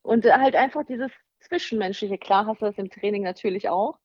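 A woman's voice: mid-range voice, brisk, slightly rough, dry recording. Laughing woman guest on a dull dry line. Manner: frank, laughs easily. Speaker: sales trainer, podcast guest. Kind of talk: casual interview chat.

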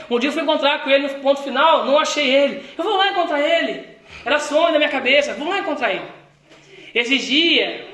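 A middle-aged man from Brazil, a deacon preaching a sermon, telling stories with laughs and bursts of shouting. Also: very high-pitched. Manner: storytelling, laughing, rising to shouts. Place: church. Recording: echoey church room.

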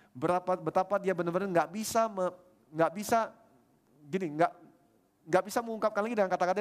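A middle-aged man preaching a sermon at a church service, telling a story and acting out the lines of the people in it. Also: high voice. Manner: storytelling, animated, acts out quoted dialogue.

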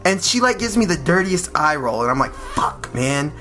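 A man spinning a casual, swear-heavy story, jumping in and out of the voices of the people in it. His tone is bright and forceful, and he gets loud when he is worked up. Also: high-pitched, fast talker, faint music behind. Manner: profane, animated, acts out quotes. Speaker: podcast co-host telling a story.

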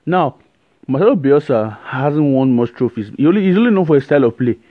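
A man's voice: medium pitch, a little fast, no room sound, narrow, tinny audio. Rambling man hosting a football podcast. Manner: animated, rambling opinions with many fillers and restarts. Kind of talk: solo podcast monologue.

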